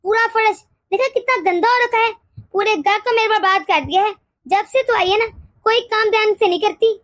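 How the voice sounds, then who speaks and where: A woman voicing a harsh, scolding older mother-in-law in an animated story, nagging and sharp-tongued. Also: extremely high pitch, a little fast, no room sound, clean studio sound.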